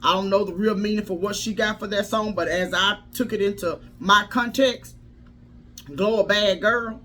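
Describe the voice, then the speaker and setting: A woman's voice: mid-range voice, steady tone, fairly quick, pushed and bright. A woman life coach giving a casual motivational livestream talk in a folksy, preacherly manner, repeating phrases for emphasis.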